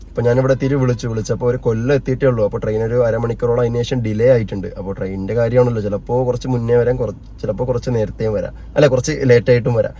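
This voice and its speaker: A man's voice: mid-range voice, darkish tone. A man chatting casually to his viewers as he films his own family vlog, rambling and talking straight to the camera. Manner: teasing with family. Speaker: vlogger.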